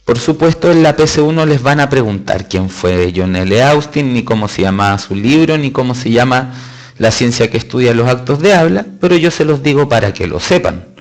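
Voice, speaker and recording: A man's voice: mid-range voice, animated, normal speed. A man with a Chilean accent teaching a live online lesson, explaining step by step with emphatic stresses and chatty asides. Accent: Chilean Spanish. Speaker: test-prep teacher.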